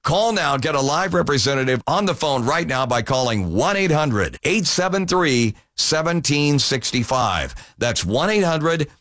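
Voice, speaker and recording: A man's voice: fairly high pitch, expressive, normal speed, few pauses, a bit bright, no echo, studio quality. A man hosting a paid radio infomercial, pushing the offer and repeating the phone number. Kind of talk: infomercial pitch.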